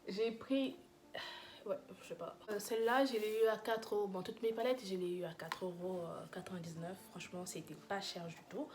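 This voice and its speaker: A woman's voice: mid-range voice, steady tone, normal speed, a little mellow. A young woman chatting casually in a makeup review vlog, gushing and full of fillers and restarts. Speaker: beauty vlogger.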